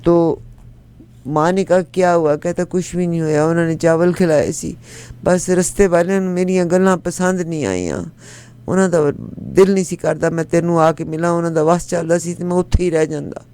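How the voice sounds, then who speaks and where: Close to an everyday voice, this man's speech is fairly high, clear and resonant, at a moderate pace, with a Punjabi accent. It's comic storytelling: he becomes a chatty middle-aged woman recounting a folk tale with lively, animated narration and repeated chants of its funny lines.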